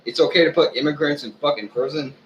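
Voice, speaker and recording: A drunk man giving a rambling, off-the-cuff rant to his viewers, swearing often, halting and losing his thread. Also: a little high, muffled recording, slight background noise. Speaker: online ranter, video host.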